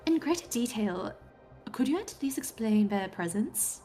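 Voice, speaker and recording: A woman plays a tabletop game in a fairly high voice. She keeps asking questions in a formal, overly polite way. Faint music sits behind her. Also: big pitch swings, unhurried, mellow. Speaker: player. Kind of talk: in-character tabletop banter.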